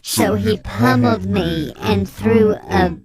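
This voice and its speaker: A performer doing a slow, electronically disguised anonymous tipster. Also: mid-range voice, over a noisy crowd. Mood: deadpan. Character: anonymous tipster in hiding, deadpan and lurid. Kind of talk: radio comedy bit.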